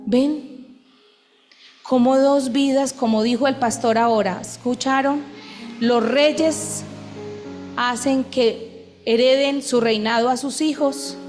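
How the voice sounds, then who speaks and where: A woman pastor preaching a sermon, with emphatic rhetorical questions and lively acted-out quotes. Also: high voice, slow pace, big-room sound, faint music behind.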